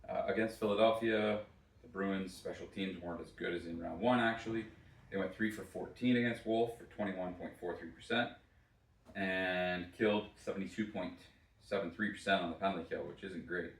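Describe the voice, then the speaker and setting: A hungover man hosting a casual sports podcast solo, talking in a halting, hesitant way. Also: sits low, steady tone. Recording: roomy echo, distant from mic.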